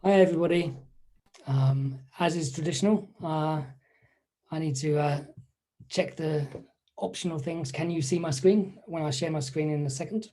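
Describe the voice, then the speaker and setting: A man giving an online conference presentation over a video call, speaking in a relaxed, conversational way with frequent fillers. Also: a little high, normal speed.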